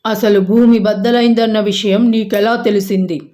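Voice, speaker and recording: A stern lion, king of the forest, as a woman puts him on in a cartoon storybook. The voice is somewhat fuller than her plain narration. He asks sharp, demanding questions. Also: mid-range voice, steady tone, normal speed, lightly acted.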